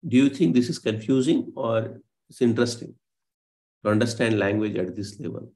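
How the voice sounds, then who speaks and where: Gravelly man lecturing online. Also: medium pitch, normal speed, dark tone. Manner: explains patiently, many fillers and self-corrections.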